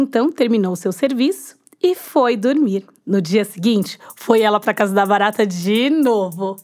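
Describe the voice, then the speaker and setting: A woman telling a children's story, lively and speaking directly to her listeners. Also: a little high.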